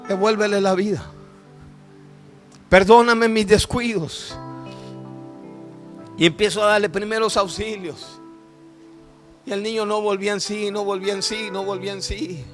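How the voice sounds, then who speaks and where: High-voiced man preaching with raw emotion. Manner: emotional storytelling, from hushed to shouted. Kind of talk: sermon testimony.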